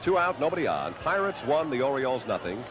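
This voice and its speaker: A man's voice: mid-range voice, big pitch swings. Vintage baseball announcer, man, noisy old broadcast. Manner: classic baseball announcer delivery, measured calls. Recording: dull, noisy vintage 1970s broadcast audio. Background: loud stadium ambience and noise.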